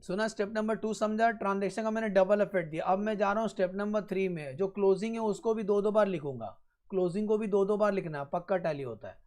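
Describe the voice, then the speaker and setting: A man's voice: sits high, darkish tone. Guy teaching accounts in class, says stuff twice, keeps asking if u got it, blunt jokey asides. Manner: repeats each point slowly and checks understanding. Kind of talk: classroom lecture.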